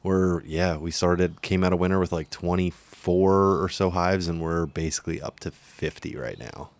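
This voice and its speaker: A man's voice: deep voice, normal speed, a little mellow, no echo. A man hosting a podcast in casual, laid-back, slangy chat, recorded outdoors in an open natural area at night. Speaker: podcast host.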